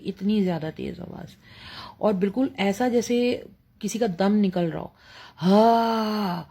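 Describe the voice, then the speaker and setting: Woman, middle-aged, Pakistani Urdu accent, casual ghost story, halting with fillers. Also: mid-range voice, mellow. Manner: storytelling with many fillers, acting out her mother's lines.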